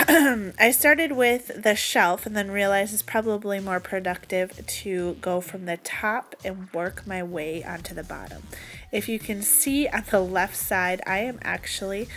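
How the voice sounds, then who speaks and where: A woman's voice: medium pitch, unhurried, a bit bright. A young woman vlogging as she cleans her fridge, chatty and upbeat, talking straight to her viewers while her voice is partly gone. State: voice partly lost. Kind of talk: casual cleaning vlog.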